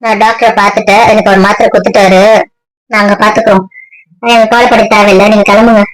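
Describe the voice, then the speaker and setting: A woman's voice: mid-range voice, flat delivery, fast talker, lightly acted, poor audio. A woman playing a bitter, scolding mother. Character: upset middle-aged mother, sick and resentful. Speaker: mother in a family skit. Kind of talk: scripted comedy skit dialogue.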